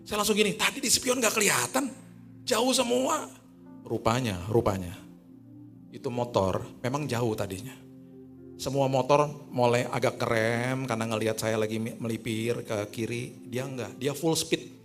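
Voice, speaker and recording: Male pastor, middle-aged; casual storytelling sermon with sudden loud peaks, mid-pitched voice over faint music. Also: normal speed. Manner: storytelling preacher, swings from hushed to loud excited peaks; casual Jakarta slang mixed into preaching.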